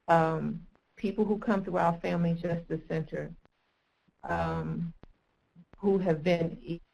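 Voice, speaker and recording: A woman family law attorney speaking in a training webinar, measured and hesitant, with many ums. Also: on the low side, vocal fry, a little mellow, muffled recording.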